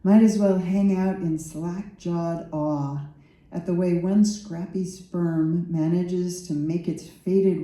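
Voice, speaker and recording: A woman poet reads her work to a live gathering, savoring each line without hurry. Her voice is deep-set, dark and mellow. The sound carries the roomy reverb of a gallery space. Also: recorded from a distance. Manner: unhurried, savoring lines, chatty asides between poems. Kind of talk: poetry reading.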